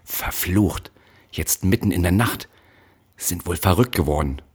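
A man voicing a brutal, bespectacled male factory overseer who shouts threats at child workers, in an audiobook. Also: low voice, a little slow, husky. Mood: barking. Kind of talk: audiobook narration.

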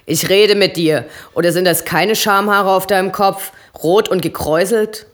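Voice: mid-range voice, normal speed, a little mellow, close to an everyday voice. A reader voicing a brutal, hulking man who taunts and bellows at a younger rival in a bar. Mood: taunting.

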